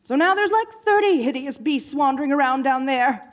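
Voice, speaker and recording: A woman voices a grandiose, gleefully wicked sorceress queen in a comedic audio drama, a dorky, theatrical character who's soft-hearted and awkward in her chattiness. Her voice sits high and is animated and brisk, with the highs cut off, and her mood is chatty and smug.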